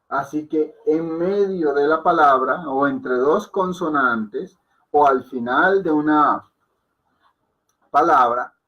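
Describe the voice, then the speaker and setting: Slow, patient man teaching a class. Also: on the high side, muffled recording. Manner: patient, repeats words slowly, checks with "¿ok?". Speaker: Hindi teacher. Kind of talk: explaining to a class.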